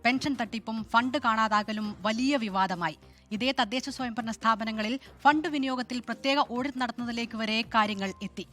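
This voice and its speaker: A woman reading a formal news introduction in a steady delivery. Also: on the high side, brisk, faint music behind. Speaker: news anchor.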